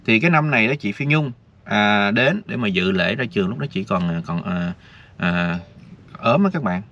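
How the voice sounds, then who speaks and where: A man's voice: fairly low pitch, animated, moderate pace, a bit bright. A man vlogger, rambling casually and talking straight to his viewers, filmed outdoors. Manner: chatty, addresses viewers directly, rambling. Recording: dull lo-fi with faint noise.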